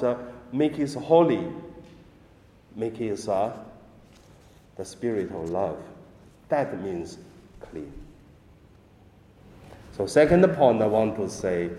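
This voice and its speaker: A man preaching from the altar in a slow, measured way, often pausing mid-thought. His voice is soft and mellow. The sound rings with a cathedral echo and a long reverb tail. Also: mid-range voice. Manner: halting delivery with frequent pauses. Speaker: priest. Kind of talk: Mass gospel reading and homily. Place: large church. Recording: echoey church with long reverb.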